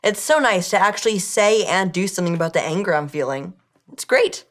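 A man's voice: high voice, lively intonation, fairly quick, a bit bright. Earnest teen boy on a kids' show set. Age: teens. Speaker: child actor playing a kid character. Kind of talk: scripted kids' show dialogue. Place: studio set indoors.

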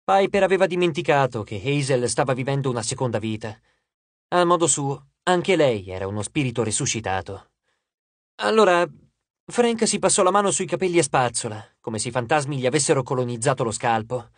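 A man reading an audiobook aloud in an expressive, steady narration. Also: medium pitch, a little fast, no room sound. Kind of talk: scripted narration.

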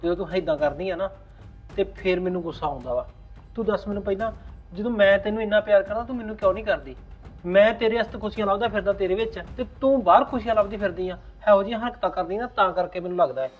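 Brief: male actor as a jealous young husband, high fast delivery, volatile, roomy and off-mic. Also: steady tone, highs cut off, close to an everyday voice. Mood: coaxing. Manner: swings from soft coaxing to loud shouting. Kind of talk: Punjabi web drama acting. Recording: echoey room, off-mic, music bed.

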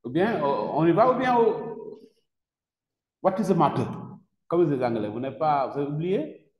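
A man's voice: a little high, very animated, moderate pace, lo-fi sound. A man with a Senegalese French accent teaching a class, questioning students and repeating key words with emphasis. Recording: echoey classroom with long reverb.

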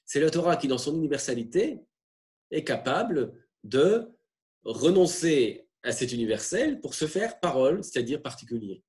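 A man lecturing on religious texts, explaining in a halting way with frequent tag questions. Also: a little high, big pitch swings, darkish tone.

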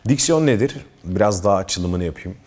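A man's voice: deep voice, animated, normal speed, darkish tone. A man giving self-improvement advice to his viewers, earnest and emphatic, often addressing them as friends. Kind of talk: advice talk to camera.

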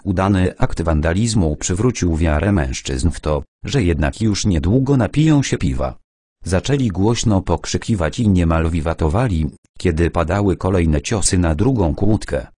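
A man narrating a first-person audiobook in a measured, deliberate storytelling manner, recorded on a close studio mic. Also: sits low, lively intonation, mellow, no room sound.

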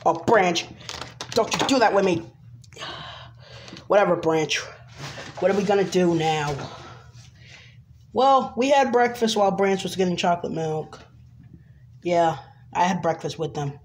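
A woman improvising a toy play video and voicing every figure herself, rambling and hesitant with many pauses and restarts. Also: on the low side, a little hiss or hum. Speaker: toy video creator voicing all characters.

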